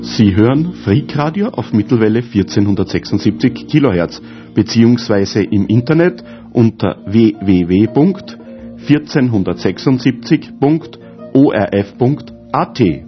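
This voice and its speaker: A man's voice: mid-range voice, expressive, unhurried. A man presenting a radio programme as host in a scripted narration style. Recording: dull lo-fi radio, music behind.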